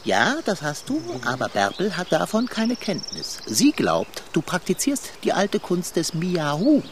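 A man's voice: high voice, wildly swooping pitch, measured pace, noisy background, exaggerated voice. A man voicing a pompous, sarcastic tomcat in a radio play, speaking in stilted old-fashioned phrases. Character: pompous male tomcat, dry and condescending.

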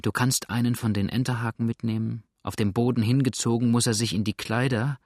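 A man's voice: medium pitch, steady tone, fairly quick, a little mellow, dry recording, studio quality, lightly acted. A man reading aloud as an earnest, determined lady who pleads firmly in a storybook. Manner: pleading, firm.

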